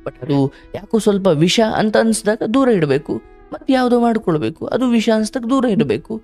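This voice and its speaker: Man, high-pitched, fatherly advice, live call-in counseling, faint music behind. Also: expressive, a little fast. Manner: warm, fatherly, preaching advice with acted quotes. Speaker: spiritual counselor hosting a call-in show.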